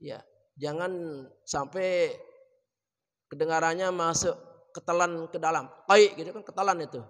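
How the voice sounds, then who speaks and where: A man teaching Quran recitation in a mosque, chanting verses melodically and then explaining pronunciation quietly and quickly, with an Indonesian accent. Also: on the high side, steady tone. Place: mosque hall. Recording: reverberant mosque hall.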